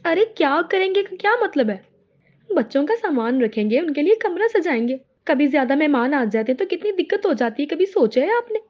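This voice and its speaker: Young daughter-in-law, voiced by a woman, high and insistent, complaining, dull lo-fi recording. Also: sing-song, fairly quick. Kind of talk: Hindi cartoon drama voice acting.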